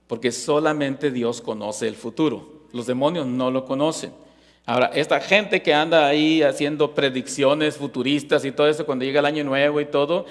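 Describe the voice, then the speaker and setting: Male pastor, sermon delivery, emphatic with rhetorical questions; slightly high voice, reverberant church hall. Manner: emphatic, rhetorical questions, frequent "ok?" check-ins.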